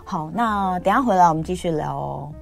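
A woman's voice: lowish voice, expressive, brisk, gravelly, faint music behind. A woman hosting a talk show, chatting with a guest and answering sympathetically. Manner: soft backchannels, sympathetic. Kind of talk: casual radio chat.

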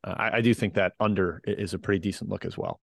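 A man's voice: sits low, fairly even intonation, quick pace, vocal fry, no room sound, studio quality. A man hosting a sports betting panel chat, talking casually and passing questions to colleagues. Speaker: podcast host.

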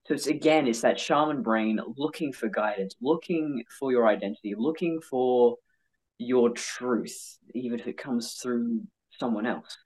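An interview guest with a male-sounding voice, telling personal stories candidly in an animated, self-mocking way. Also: medium pitch, a little slow, husky, poor audio. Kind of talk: candid personal storytelling in conversation.

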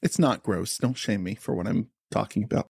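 A man's voice: fairly low pitch, brisk, gravelly, a little mellow, slightly rough, dry recording. A man co-hosting a podcast in casual comedic chat, playful and teasing, on a studio microphone. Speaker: podcast co-host.

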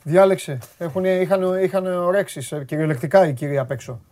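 A man's voice: sits high, a little mellow. A man hosting a radio show, chatting casually and teasing his co-hosts, often jumping in. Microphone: studio microphone.

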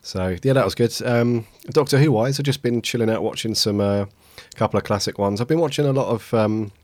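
Low, croaky man with a cold. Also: a little fast, darkish tone, dry recording. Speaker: podcast host. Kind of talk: casual podcast chat.

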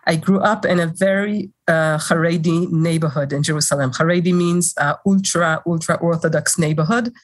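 Low-voiced woman, halting speech. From Israel. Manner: halting, many "uh" pauses while searching for words. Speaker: interview guest. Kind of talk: casual interview.

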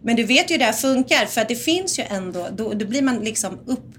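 A woman's voice: on the high side, animated, a bit bright, slight background noise. A woman co-hosting a casual chat, giving her opinions freely with many fillers. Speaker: podcast co-host.

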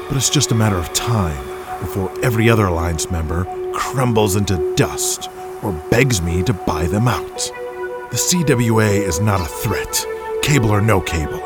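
A man's voice: on the low side, close to an everyday voice. A man voicing a ruthless, gloating male wrestling promoter villain, cold and contemptuous.

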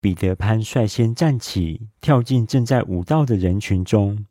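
A man narrating a bedtime story in a soothing, calm and even way, as a dad telling stories to help listeners sleep. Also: lowish voice, measured pace, dry recording, studio quality.

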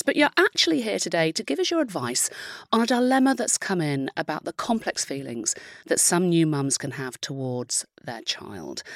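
A woman from the English Midlands hosting a podcast, expressive and teasing, moving between polished introductions and playful interview chat. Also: sits low, dry recording, studio quality. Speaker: podcast host.

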